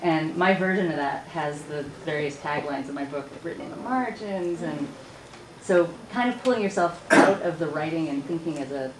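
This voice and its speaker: A woman author speaking on a conference panel, chatty and quick, laughing often. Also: deep voice. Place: conference room with audience. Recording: echoey conference room with noise.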